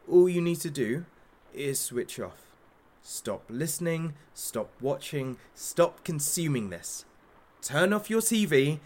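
A slightly high male voice belongs to an actor playing a menacing, sardonic talk show host in a satirical audio drama. His delivery is theatrical and taunting.

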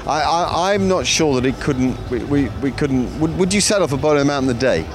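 A man's voice: mid-range voice, expressive, fairly quick. A man presenting cricket coverage, discussing and summing up play as a broadcast commentator. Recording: clearly noisy outdoor broadcast.

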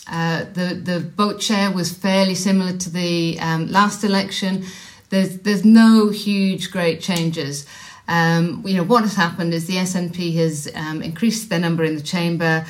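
A woman, giving measured, slightly hesitant answers as a guest in a panel interview. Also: lowish voice. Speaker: podcast guest, national director of a social work body.

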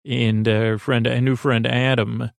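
On his sleep podcast, a man talks a little slowly in a level tone, his creaky voice wandering through a subdued monologue full of self-deprecation and halting, self-interrupted lines. No echo, just clean studio sound.

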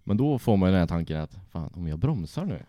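A man's voice: deep voice, very animated, dry recording, highs cut off. A young man casually telling a rowdy anecdote, swearing freely and laughing as he goes. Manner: profane, laughs through his story. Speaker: storyteller.

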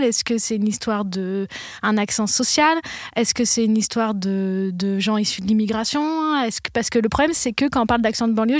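A woman hosting the show with a scripted, explanatory narration. Her voice sits a little high, and the sound is dry and close with no room echo. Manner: questioning, explanatory. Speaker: host.

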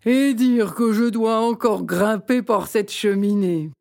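A plump, jolly old Santa from a storybook, booming out slow, hearty exclamations. A woman narrator acts him out. The voice sits close and dry. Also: fairly even intonation, gravelly, darkish tone, no echo.

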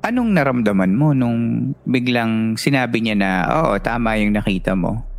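A man hosts a casual interview, asking short, low-key questions and mixing languages. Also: animated, normal speed. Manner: low-key, short prompting questions, mixes Tagalog and English. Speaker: podcast host. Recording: dull lo-fi audio with faint noise.

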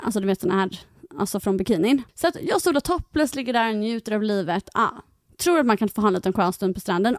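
A young adult woman co-hosting a podcast, telling a story in an animated way and swearing freely. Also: medium pitch, no echo, clean studio sound. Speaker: podcast co-host. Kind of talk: casual chat.

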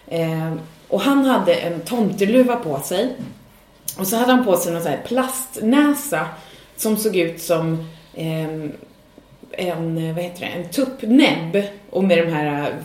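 A woman's voice: on the low side, darkish tone, reverberant. A woman podcast co-host and singer telling a casual anecdote in a chatty way, swearing now and then and acting out what people said. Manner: chatty storyteller, acts out quotes, swears casually.

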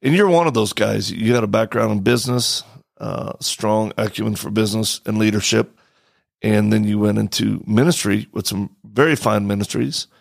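A podcast host chats casually with a guest in a studio, joking around and speaking bluntly and directly. His voice is on the low side and gravelly, at a moderate pace, with no echo.

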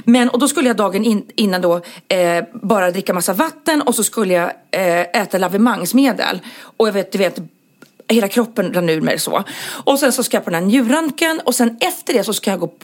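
A woman telling a comic, self-mocking story in casual chat, lively and full of fillers. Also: mid-range voice. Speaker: podcast co-host telling stories.

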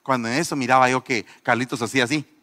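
A man's voice: medium pitch, fairly even intonation, fast, bright, forceful tone, big-room sound. A man, a pastor, giving a testimony sermon, telling the story with animation and acting out the people in it.

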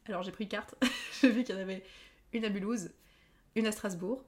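A young woman from France with a mid-range voice chats casually as a guest. She's talkative, laughs often, and fills her pauses with "euh."

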